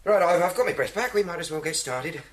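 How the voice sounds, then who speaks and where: An actor playing a blustering, easily flustered police inspector in a radio drama, plain-spoken and stammering. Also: male voice, a little high, animated, fast talker, natural voice. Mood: grumbling, suspicious.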